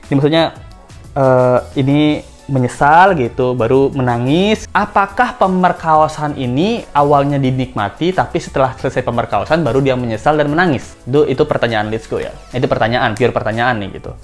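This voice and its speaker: A woman's voice: a bass voice, fairly quick. A woman giving casual spoken commentary on a news case, chatty and full of rhetorical questions, with faint music behind her. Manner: chatty, rhetorical questions, acts out quoted lines. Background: faint background music.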